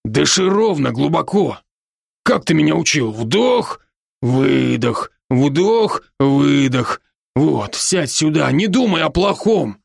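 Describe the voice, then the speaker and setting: An actor playing a boisterous, teasing male werewolf friend in an audiobook, with brash rapid-fire banter. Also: fairly high pitch, very animated, gravelly, breathy edge, no room sound, studio quality, exaggerated voice. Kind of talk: audiobook character voice.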